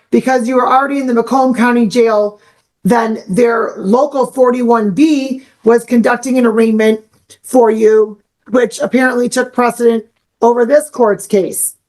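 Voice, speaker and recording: A woman's voice: fairly high pitch, darkish tone. A young woman judge speaking firmly and stating procedure in court. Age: young adult. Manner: firm, stern, procedural.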